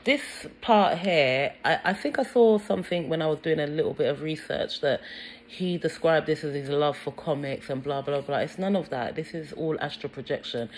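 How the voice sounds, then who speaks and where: A British-accented commentator talks over a music video in an earnest, insistent way, often stumbling over ums and repeated words. The voice sits at a middle pitch. A faint noise hangs under the talk. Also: rough recording.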